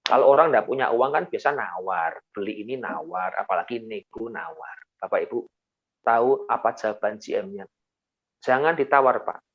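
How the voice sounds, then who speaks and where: A man's voice: fairly low pitch, normal speed, breathy edge. A male pastor telling a story in a sermon, acting out the people he speaks with and addressing the congregation often. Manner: animated storytelling, acting out dialogue. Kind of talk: sermon testimony. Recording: dull lo-fi sound.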